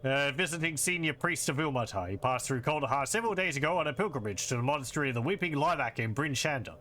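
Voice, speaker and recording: Over some noise, a man reads as a solemn villager in a fantasy game. The voice is bright and mid-pitched, telling things in a measured way. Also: animated. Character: solemn villager recounting mysterious disappearances.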